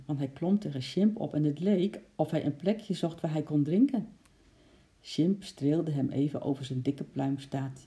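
A storyteller reading a children's story aloud, lively and adding sound effects for the animals. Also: mid-range voice.

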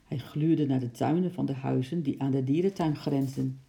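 Dark, gravelly children's book narrator. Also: medium pitch, moderate pace. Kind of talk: reading a children's book aloud.

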